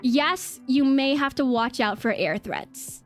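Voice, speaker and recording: A woman's voice: high-pitched, animated, takes it slowly, soft background music. A woman hosting a livestream, explaining things casually to viewers in an informal, giggly way and often repeating her phrases. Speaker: livestream host.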